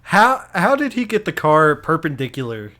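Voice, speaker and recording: A man's voice: fairly high pitch, very animated, normal speed, pushed and bright. A man hosting a casual movie review podcast. He talks with enthusiasm, laughs often and restarts his sentences. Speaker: podcast host. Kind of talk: casual film review chat.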